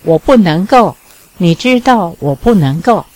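Woman voicing a shy young girl in a storybook, bashful, slow lines. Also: on the low side, animated, dark tone, no room sound. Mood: flustered. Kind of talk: audiobook reading.

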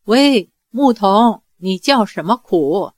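A woman reading aloud voices a hot-tempered young swordswoman who scolds and barks sharp commands. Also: medium pitch, animated, slow, no echo, studio quality. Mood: impatient.

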